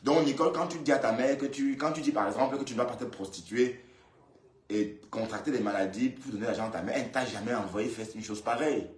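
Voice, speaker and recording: A man from Cameroon giving casual commentary on a live video, lively and scolding, often repeating himself as he talks straight to the woman he reacts to. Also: medium pitch, fast. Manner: lively, scolding and repetitive, addressing her directly. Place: indoors, in Brussels. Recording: roomy echo.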